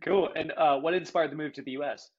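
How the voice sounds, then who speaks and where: A man's voice: a little high, steady tone, fast, a little mellow, husky, dull audio. A man hosting a podcast, chatting in an upbeat, casual way. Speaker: podcast host. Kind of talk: casual interview.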